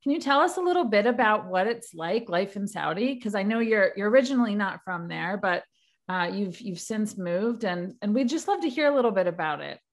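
A woman's voice: medium pitch, expressive, a little fast. Effusive woman hosting an interview. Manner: warm and effusive, welcoming. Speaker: podcast host. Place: New York.

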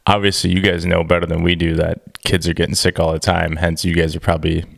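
A man's voice: deep voice, level tone, fast talker, gravelly. A man in his twenties co-hosting a podcast in casual chat, upbeat and rambling, often restarting his sentences. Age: 20s. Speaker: podcast co-host.

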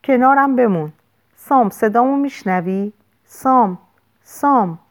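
A woman's voice: mid-range voice, animated, darkish tone, natural voice. A woman voicing a young woman who panics and pleads desperately over a wounded man, in an audiobook. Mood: pleading.

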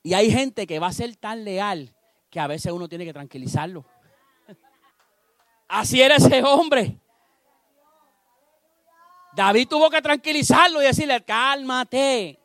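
A man preaching a sermon, telling a story with animated delivery and acting out the characters. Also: high voice, measured pace, long pauses, no echo.

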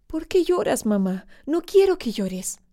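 A woman voicing a small, timid and tender boy who speaks softly and pleadingly in a storybook reading. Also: on the high side, moderate pace, lightly acted.

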